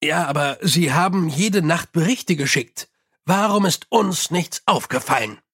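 A weary middle-aged police commander, read by a male narrator speaks bluntly and dryly. He grumbles about paperwork, and his voice stays fairly high and plain. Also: animated, unhurried, fairly bright tone, breathy edge, full character voice.

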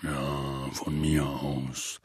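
A man voicing a huge, gruff male half-giant gamekeeper in an audiobook, with a deep, rasping voice and rough, folksy speech. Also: wildly swooping pitch, slow, pushed and bright, no echo, full character voice. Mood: grumbling. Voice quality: deep gravelly rasp. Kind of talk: audiobook character voice.

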